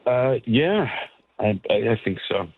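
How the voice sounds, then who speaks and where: A man calling into a radio show over speakerphone, speaking in a halting, stammering way. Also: mid-range voice, very animated, no echo. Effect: heard over speakerphone on a phone line. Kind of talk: casual phone chat. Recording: tinny phone line.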